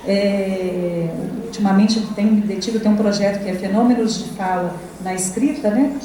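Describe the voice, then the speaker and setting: A woman's voice: medium pitch, fairly even intonation, normal speed, warm tone. A middle-aged Brazilian woman giving a university lecture to teachers, talking casually with frequent tag questions and fillers. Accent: Brazilian Portuguese. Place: lecture hall. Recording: echoey hall, distant, faint noise.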